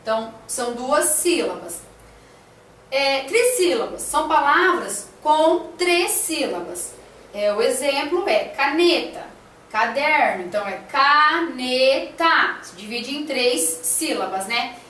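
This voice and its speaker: A woman's voice: sits high, expressive, unhurried, fairly bright tone, echoey room, recorded from a distance, slight background noise. A woman teacher talking through a classroom lesson plan, hesitant, with many fillers and tag questions.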